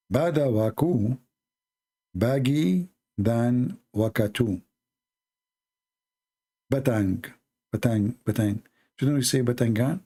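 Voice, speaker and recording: A man giving late-night livestream commentary, mocking and halting, with sarcastic asides. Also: mid-range voice, dark tone. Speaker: online debate streamer.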